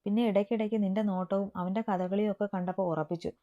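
A woman's voice: medium pitch, fairly even intonation, fast talker, close to an everyday voice. A woman voicing a stern, protective young man who is an older brother, in a dull lo-fi recording. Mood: calm. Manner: stern, raises voice in anger.

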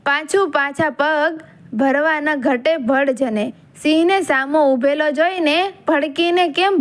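A woman voicing a calm, fearless male warrior king in a storybook folk tale. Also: high-pitched.

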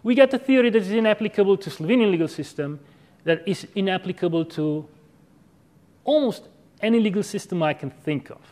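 A man in his thirties giving an academic lecture in a measured, didactic way, checking in with short tag questions. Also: high-pitched, animated, darkish tone. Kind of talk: academic lecture, philosophical argument. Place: university lecture room with chalkboard. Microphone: clip-on lapel microphone.

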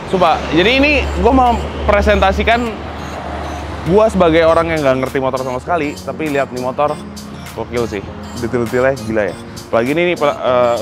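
Excitable young man, higher voice, music behind. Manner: excitable, slangy, thinking aloud. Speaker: motorcycle vlog host. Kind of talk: casual walkaround review. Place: outdoor garage courtyard. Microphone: lapel mic.

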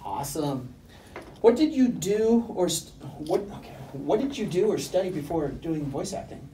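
A man's voice: fairly high pitch, animated, moderate pace, mellow. A man in his forties asking casual interview questions in a small room, away from the microphone. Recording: roomy, distant mic, faint noise.

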